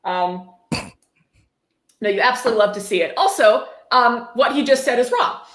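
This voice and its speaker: Her voice a little high and expressive, a woman reads a book aloud at normal speed while hosting a casual livestream. She peppers it with blunt, wry sarcasm, and the sound is echoey and roomy.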